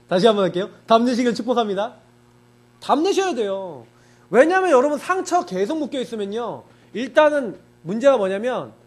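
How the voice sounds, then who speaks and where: A middle-aged man preaching a sermon as pastor, telling personal stories in a conversational way and acting out his own thoughts in quoted asides. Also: high-pitched. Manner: animated, conversational preaching with frequent emphatic particles.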